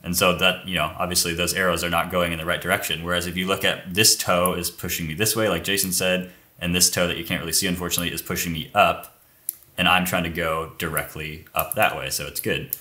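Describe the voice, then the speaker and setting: Deep, bright-toned man explaining technique. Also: little pitch movement, fast talker. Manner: explanatory, pointing things out on screen. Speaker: co-host explaining climbing technique. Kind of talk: casual technique breakdown.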